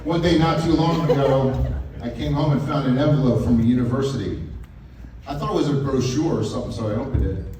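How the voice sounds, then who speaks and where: A man's voice: mid-range voice, brisk, warm tone. An older man giving a father of the bride speech in a folksy, wry and sentimental way. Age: 50s or older. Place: large echoing event room at a wedding reception. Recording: echoey, noisy room, distant mic.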